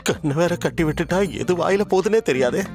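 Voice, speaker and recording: A good-humoured king in a TV serial. He stammers and laughs easily, his voice rising and falling a lot. Soft music runs underneath. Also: sits high, expressive, fast. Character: good-humoured middle-aged king, blindfolded and fussing. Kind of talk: TV serial acting.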